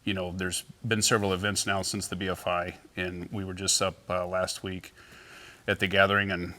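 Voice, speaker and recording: A middle-aged man with a low voice sits for an interview as a company founder. He tells his stories in a loose, easygoing way, padding them with fillers and restarts. His tone is bright and forceful despite the low pitch. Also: moderate pace. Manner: relaxed, anecdotal, many fillers and restarts. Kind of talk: casual interview storytelling.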